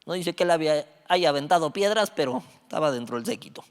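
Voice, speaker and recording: A young man preaches to a youth group. He tells the stories in an animated way, acts out the dialogue and jokes with the crowd, and his voice swoops widely and sits fairly high. The sound carries a long hall reverb. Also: fast talker, clean tone. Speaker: youth pastor. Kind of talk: youth Bible study sermon.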